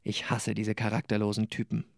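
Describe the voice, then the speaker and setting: A man reading from his own novel with animated dialogue voices, then answering questions thoughtfully with many pauses and fillers. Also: fairly low pitch, gravelly, no echo, clean studio sound. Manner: thoughtful, hesitant with fillers in the interview.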